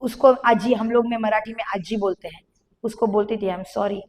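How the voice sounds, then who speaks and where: A young woman with a fairly high pitch speaks at a normal speed as she shares her sermon testimony with a congregation. Her lively storytelling climbs toward emphatic calls.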